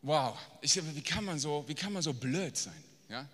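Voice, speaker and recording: High bright preacher guy, blunt, goes from quiet to almost yelling, big echoey church hall. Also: expressive, normal speed, breathy edge. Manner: emphatic and blunt, swinging from quiet asides to near-shouting. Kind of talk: sermon. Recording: long reverb of a large hall.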